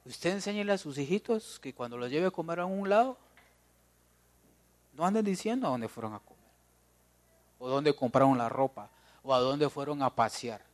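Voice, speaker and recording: A man's voice: on the high side, normal speed, long pauses. A man with a Guatemalan Spanish accent preaching a sermon in church, joking and talking straight to the congregation.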